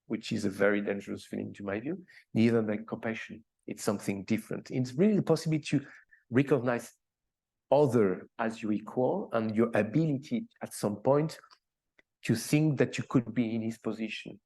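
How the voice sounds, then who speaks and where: A man's voice: on the low side, moderate pace, vocal fry, a little mellow, slightly rough. A man, an artist, speaking earnestly at a panel talk with non-native phrasing and restarts. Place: gallery event room.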